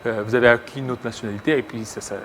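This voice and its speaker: A male TV host running an interview, brisk and pressing his guest for short answers. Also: medium pitch, fairly even intonation, slight background noise. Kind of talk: televised interview.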